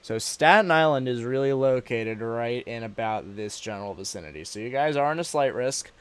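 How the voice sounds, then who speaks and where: A man with a sore throat giving casual, unscripted live weather commentary as a livestream host, halting and informal. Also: medium pitch, lively intonation, clean tone. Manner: informal, halting, addressing viewers as y'all.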